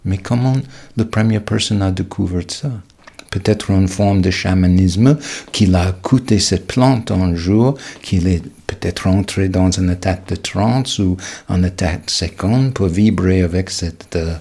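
A man reflecting aloud in a slow, musing, hesitant way. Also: low-pitched, dark tone, breathy edge. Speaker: interviewee. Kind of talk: reflective testimony.

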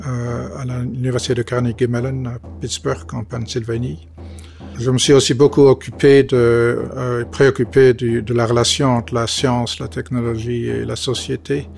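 A man in his sixties from Belgium, a physicist, giving a measured personal account with frequent pauses. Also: mid-range voice, gravelly, darkish tone. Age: 60s. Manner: measured, halting with fillers. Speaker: interviewee, physicist. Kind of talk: personal testimony.

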